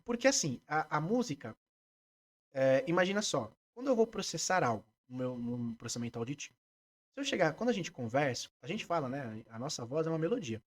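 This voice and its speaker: A man with a Brazilian Portuguese accent, a music therapist being interviewed, explaining his work in a lively way and breaking into short sung examples. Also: a little high, a little fast. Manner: animated, demonstrates by singing snippets.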